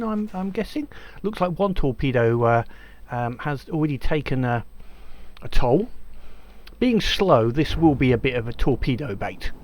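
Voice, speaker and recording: A man talks through a naval battle game in a loose, rambling way, often pausing with ums and restarting his sentences. His voice sits a little higher than most men's, and a faint hum of noise lies under it. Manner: chatty, hesitant with many ums and restarts. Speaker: gameplay commentator. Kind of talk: casual let's-play commentary.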